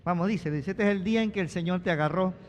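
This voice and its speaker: High-voiced preacher in a reverberant hall. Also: male voice, quick pace. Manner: preaching with rising shouts and call-and-response prompts. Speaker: pastor. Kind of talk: sermon. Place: church sanctuary.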